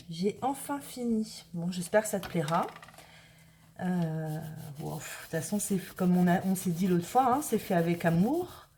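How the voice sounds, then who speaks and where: A woman's voice: mid-range voice, warm tone, a little hiss or hum. A woman from northern France, chatting casually to viewers as she shows a craft project step by step. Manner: chatty, talks to viewers while working with her hands. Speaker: craft tutorial host. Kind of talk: casual craft tutorial narration.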